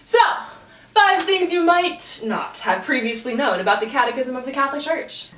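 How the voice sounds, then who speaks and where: Brief: young woman co-host, upbeat and playful, slightly high voice, roomy sound from a distant mic. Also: lively intonation, moderate pace, fairly bright tone, slight background noise. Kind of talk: casual scripted video chat. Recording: echoey room, mic at a distance.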